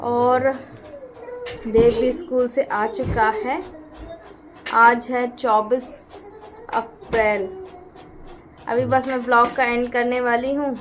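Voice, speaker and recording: A woman's voice: on the high side, fairly even intonation, slow, pauses often, a little hiss or hum. A woman vlogger chatting straight to her viewers in a casual home voice-over.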